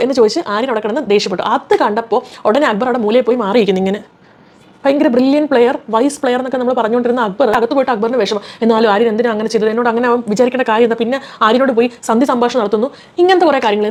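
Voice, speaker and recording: A young woman giving an animated, opinionated casual commentary vlog, recapping reality show drama. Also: on the high side.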